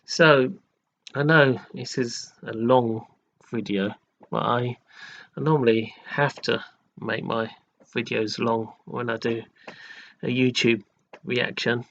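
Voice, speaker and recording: A man in an aggrieved, halting vlog rant who keeps repeating himself and restarting his sentences. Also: medium pitch, steady tone, a bit bright, lo-fi sound, a little hiss or hum. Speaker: vlogger. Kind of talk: slow, halting rant to camera.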